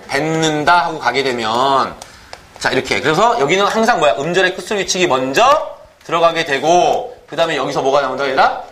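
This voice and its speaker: A man with a slightly high voice gives an animated grammar lecture, constantly asking the class questions and mimicking pronunciations.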